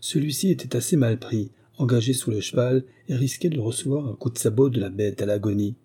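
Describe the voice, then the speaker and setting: Husky, mellow-voiced male narrator. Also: medium pitch, a little fast. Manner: steady storytelling, lifting his voice for the characters' exclamations. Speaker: audiobook narrator. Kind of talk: scripted narration of a classic novel.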